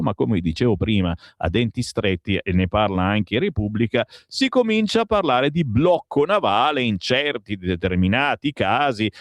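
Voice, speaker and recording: Guy doing the morning press review on radio, lively up-and-down voice, snarky asides. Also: mid-range voice, no room sound, clean studio sound. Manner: sarcastic asides between read headlines. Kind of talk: opinionated press review reading.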